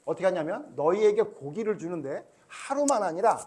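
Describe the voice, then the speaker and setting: A man with a high voice preaches a Sunday school sermon to children. He tells the story in an animated way and keeps quizzing the kids as he goes. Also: brisk, husky. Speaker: pastor.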